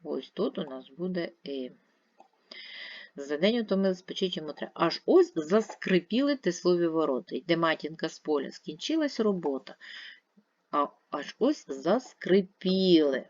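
A woman's voice: fairly low pitch, sing-song, normal speed, a little mellow, no room sound, muffled recording. A woman teacher giving a video grammar lesson, patiently asking and answering her own questions step by step. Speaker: primary school teacher.

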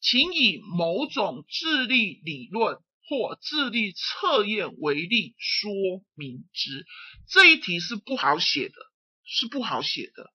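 A woman giving an exam-prep lecture, animated and answering her own rhetorical questions. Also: medium pitch, slow pace, slightly rough, no echo. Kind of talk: recorded tutoring lecture. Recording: dull, muffled lecture audio.

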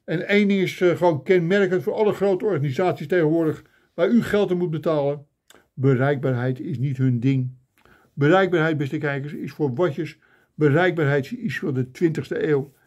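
A man's voice: on the high side, normal speed, a little mellow. An older man filming himself on a phone, delivering a mock-indignant comic rant full of grumbling complaints. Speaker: vlogger. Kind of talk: ranting comic monologue. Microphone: phone camera.

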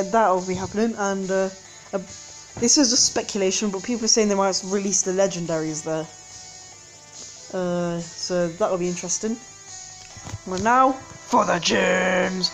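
A woman hosting a game channel, giving casual gameplay commentary indoors at home, rambling with frequent hesitations and self-corrections. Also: mid-range voice. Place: indoors at home, street outside.

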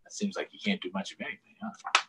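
Speaking fast, a middle-aged American man hosts a children's storytime, reading expressively and adding chatty explanations. He is in a small room at home on a computer or tablet video call, and there is background noise.

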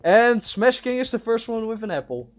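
A man's voice: extremely high pitch, expressive, moderate pace, muffled recording. A man chatting casually with teammates while playing a game, often stammering and repeating words as he plans their next move. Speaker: game player. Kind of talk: casual team chat while gaming.

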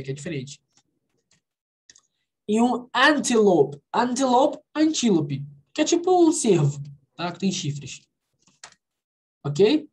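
A woman's voice: medium pitch, a little mellow. Brazilian woman teaching English online. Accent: Brazilian Portuguese. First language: Portuguese. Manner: mixes English and Portuguese, repeats checks like "alright?" and "ok?". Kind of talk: online class explanation.

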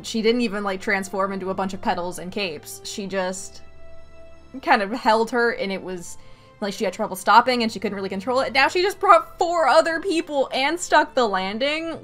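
Brief: young woman, reaction host, higher voice, gushing and rambly, curses a lot, faint music under her. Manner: excitable, rambling, swears freely, laughs often. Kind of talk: casual reaction commentary.

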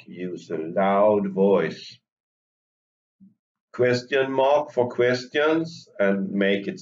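A male English teacher gives an online lesson to young learners, speaking slowly and deliberately and modeling pronunciation for them to repeat. His voice is medium pitched, and the highs are cut off in the recording.

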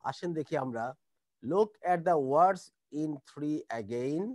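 A man's voice: on the high side, lively intonation, drawn-out words, a little mellow, no echo, studio quality. A man teaching an online English class, explaining grammar and mixing languages. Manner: explaining, switching between languages.

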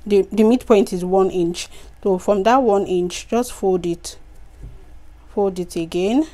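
A woman's voice: medium pitch, measured pace, mellow. A woman hosting a craft channel, talking through a sewing tutorial in a casual, chatty way, with a tired voice and instructions she repeats. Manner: chatty, repeats instructions, frequent "okay" and "so guys".

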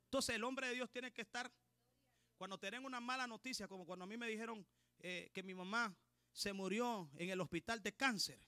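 Male preacher, fervent sermon, very high voice, dry close sound. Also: a little fast, no echo. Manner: fervent, builds to shouting.

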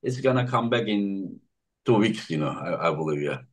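A man hosting a casual video-call interview, chatty and quick to repeat short affirmations like "yeah, yeah.". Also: low-pitched, lively intonation. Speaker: podcast host.

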